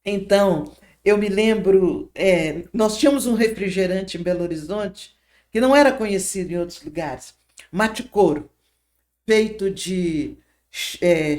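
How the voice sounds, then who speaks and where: An older woman, a podcast guest gently recounting memories and often checking in with her listener. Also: medium pitch. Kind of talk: reminiscing storytelling.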